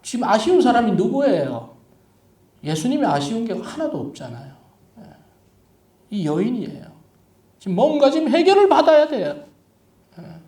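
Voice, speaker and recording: A male pastor preaching a sermon, lively and humorous, often asking the congregation questions. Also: high voice. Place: church sanctuary. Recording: echoey church hall from a distant mic.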